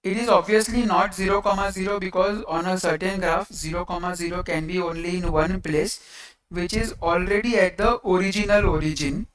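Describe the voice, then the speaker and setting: A teacher giving a step-by-step maths lecture in a deliberate way, pausing between short phrases. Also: medium pitch, steady tone, no echo. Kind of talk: lecture explaining coordinate geometry step by step. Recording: distant microphone.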